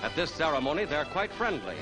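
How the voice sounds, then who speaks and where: Old newsreel narrator, man, higher voice, lively sing-song delivery, loud music under it. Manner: brisk announcer delivery.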